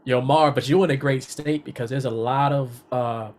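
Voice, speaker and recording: A man co-hosts a producers' podcast in an ordinary middle-pitched voice. He talks loosely and fills his lines with "yo" and "um." His stories come out relaxed and rambling. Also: normal speed. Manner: laid-back, lots of "yo" and "um". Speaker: podcast co-host. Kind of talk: casual podcast chat.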